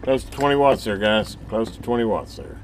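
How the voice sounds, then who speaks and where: The recording is very noisy as a man with a fairly low, expressive voice talks a little fast. A hobbyist presenter, he gives an informal, rambling, hands-on CB radio demonstration, musing aloud in a folksy way.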